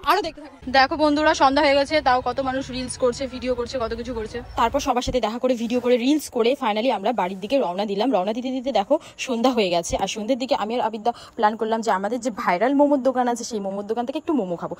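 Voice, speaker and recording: Young woman, high voice, rapid-fire, upbeat vlog host. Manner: chatty, upbeat, addresses viewers directly. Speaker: vlogger host. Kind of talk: casual travel vlog chat. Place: outdoors by a riverbank.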